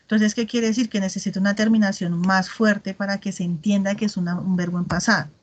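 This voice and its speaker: A woman teaching an English class over a video call, explaining patiently and modeling English words slowly. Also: medium pitch, level tone.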